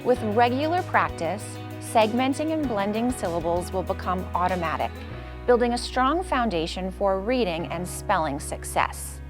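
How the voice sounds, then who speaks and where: A woman host and teacher who explains a reading skill clearly, then coaches a child with patient, upbeat praise. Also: mid-range voice, animated, normal speed, music in the background. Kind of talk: scripted teaching intro and one-on-one demonstration.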